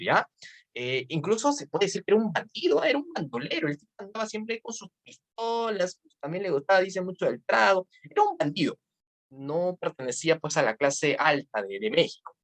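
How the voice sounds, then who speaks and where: A woman's voice: fairly low pitch, fairly bright tone. A Peruvian woman teaching history for an exam-prep course in a chatty manner, often checking in with tag questions. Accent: Peruvian Spanish. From Peru. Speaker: history tutor. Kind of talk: online exam-prep lecture.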